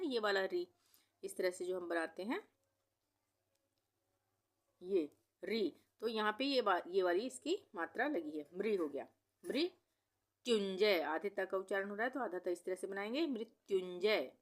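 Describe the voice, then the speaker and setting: A woman teaching Hindi spelling as a voice-over, who says each word slowly and then repeats it several times. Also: medium pitch. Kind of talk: spelling lesson.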